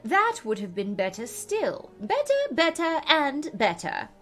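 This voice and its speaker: Storybook queen: scatterbrained, excitable, very high and swooping, emphatic delivery. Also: measured pace, faint music behind, exaggerated voice. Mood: triumphant. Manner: emphatic, swooping, prone to squeals. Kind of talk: theatrical storybook character voice.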